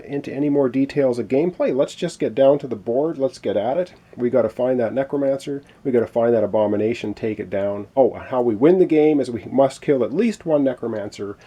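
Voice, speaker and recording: A man with a mellow, mid-range voice walks through a board game playthrough in a chatty, casual way, explaining as he goes with plenty of fillers. He's losing his voice.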